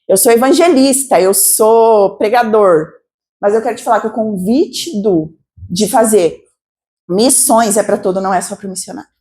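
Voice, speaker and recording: A Brazilian woman missionary preaching a sermon to a congregation, with a Brazilian Portuguese accent, asking lively rhetorical questions. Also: medium pitch, moderate pace. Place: church service.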